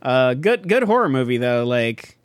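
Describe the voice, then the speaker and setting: A man co-hosting a casual movie podcast, relaxed and laughing often between remarks. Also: mid-range voice, moderate pace, smooth, dry recording. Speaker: podcast co-host. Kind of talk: casual chat reviewing a movie.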